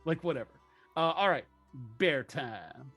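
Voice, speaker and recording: Male tabletop player, slightly high voice, joking casual chatter, music underneath. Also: animated, unhurried, fairly bright tone. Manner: joking, muttering while checking numbers. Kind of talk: casual game-table chat.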